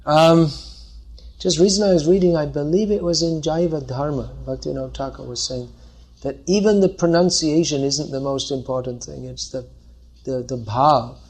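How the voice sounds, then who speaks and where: A man's voice: fairly high pitch, normal speed, darkish tone, breathy edge. A man leading a scripture class, answering audience questions and explaining by thinking aloud.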